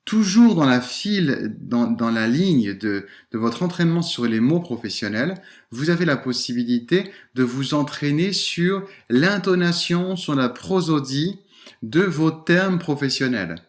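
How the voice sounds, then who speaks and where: Expressive male voice coach. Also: fairly high pitch, measured pace. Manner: expressive, plays with intonation and stress while demonstrating. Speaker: voice and public speaking coach. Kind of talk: podcast coaching lesson.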